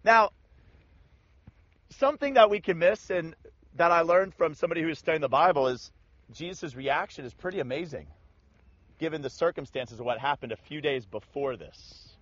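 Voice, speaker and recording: A man's voice: fairly high pitch, moderate pace, no echo. A man casually retelling a Bible passage, acting out the people in it with slangy voices. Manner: animated, acts out scripture in slangy voices. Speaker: Bible teacher. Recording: dull lo-fi sound.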